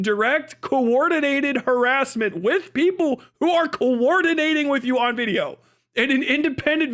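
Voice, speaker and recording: A livestream host with an extremely high-pitched, fairly bright voice gives casual commentary. He is profane and opinionated, swearing often and emphatically repeating words to stress his points.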